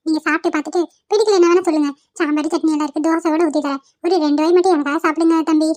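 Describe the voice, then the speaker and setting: A kindly old cartoon grandmother, voiced by a woman, coaxing and affectionate as she urges someone to eat. Her voice is high and she talks quickly. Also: fairly even intonation, a little mellow, natural voice.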